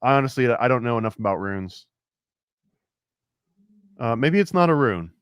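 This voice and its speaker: A man's voice: mid-range voice, expressive, normal speed, clean tone, dry recording. A man co-hosting a casual podcast chat, rambling and laughing often, his talk full of "like". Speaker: podcast co-host.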